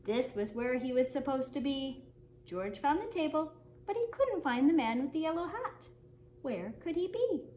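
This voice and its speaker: Much as a kindergarten teacher would at story time, a woman reads a picture book for little kids, slowly, deliberately and with plenty of expression. Her voice is high, the room is roomy and echoing, and there's a bit of faint background noise.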